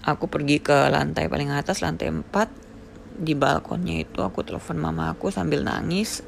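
Gravelly-voiced earnest storyteller from Papua. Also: mid-range voice, lively intonation, normal speed, slight background noise. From Papua, Indonesia. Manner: earnest, emotional storyteller who acts out quoted dialogue. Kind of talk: personal storytelling to camera.

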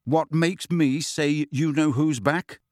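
A man voicing a guarded, short-tempered teenage boy who speaks in a measured, curt way. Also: a little high, no room sound, studio quality. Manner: flat and measured, turning curt.

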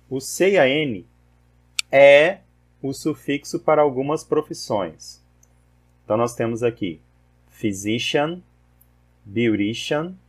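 Slow, patient male pronunciation teacher. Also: mid-range voice. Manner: patient, repeats word lists deliberately. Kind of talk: slow, methodical pronunciation lesson.

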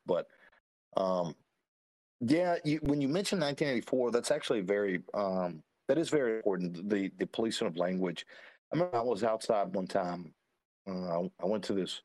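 A man's voice: low voice, a little mellow, no room sound. A man chatting casually on a podcast, telling rambling stories with chuckles and lots of fillers. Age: adult. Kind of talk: casual chat.

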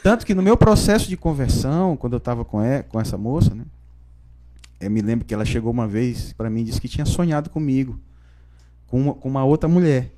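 A man, a pastor giving his conversion testimony in a podcast interview, telling it in a lively storytelling way with frequent tag questions. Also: mid-range voice, brisk, a little hiss or hum. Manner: storytelling, animated, frequent "né?" tags.

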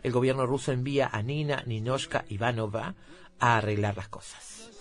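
Male film show host, mid-pitched, reads summaries steadily. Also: steady tone. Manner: measured, informative reading.

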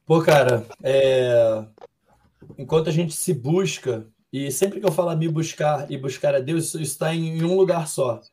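A young Brazilian man, a fighter being interviewed, who answers in a calm, reflective and philosophical way. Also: fairly high pitch, moderate pace, a little hiss or hum. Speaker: MMA fighter guest.

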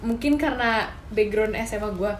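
A young woman chatting casually with friends, agreeable and quick to affirm what others say. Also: medium pitch, darkish tone, reverberant, slight background noise. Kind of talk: casual group chat.

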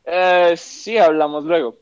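A man's voice: fairly high pitch, fairly even intonation, takes it slowly, smooth. A young man telling a story to friends in casual chat, acting out quotes and swearing freely. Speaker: podcast co-host. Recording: dull lo-fi sound.

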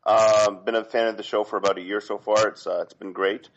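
A man from Canada calling in to a talk show, polite and halting, with many fillers and restarts. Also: fairly low pitch, flat delivery. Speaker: caller. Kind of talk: phone-in question. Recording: dull lo-fi phone line.

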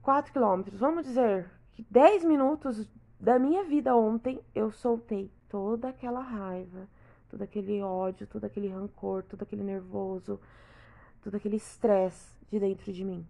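A woman's voice: mid-range voice, moderate pace, gravelly, warm tone. A woman, talking earnestly and repetitively straight to the listener in a reflective personal monologue.

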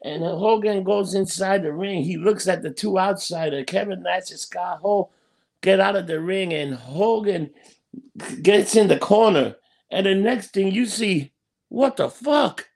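High-pitched man hosting a wrestling show. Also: unhurried, creaky, darkish tone. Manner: ring-announcer style showmanship, repeats phrases for emphasis. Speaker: podcast host. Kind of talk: excited retelling of a wrestling match.

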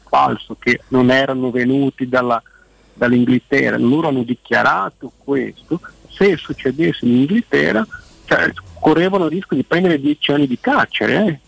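A man with a gravelly, husky voice talks football on a radio show. He explains his points emphatically, restating words as he builds his argument. The sound is close and dry. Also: mid-range voice, no echo, low-quality recording. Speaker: football pundit guest. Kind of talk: radio phone-in commentary.

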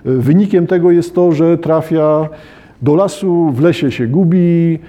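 A man's voice: a little high, unhurried, warm tone. A man giving reflective commentary on a children's novel, thinking aloud, rephrasing and questioning himself, and reading passages aloud. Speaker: podcaster discussing a children's novel.

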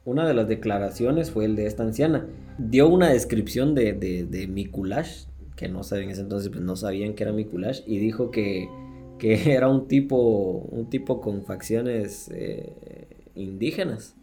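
A man's voice: lowish voice, normal speed, dark tone, soft background music. A man with a Guatemalan Spanish accent hosting a podcast, retelling true-crime cases in a crude, slangy way with swearing and laughter. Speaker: podcast host. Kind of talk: casual true-crime storytelling.

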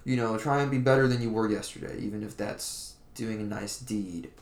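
A man's voice: lowish voice, steady tone, normal speed, echoey room. A young man from Florida co-hosting a podcast, talking in a laid-back, rambling way with lots of fillers. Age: young adult. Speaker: podcast co-host. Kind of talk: casual chat.

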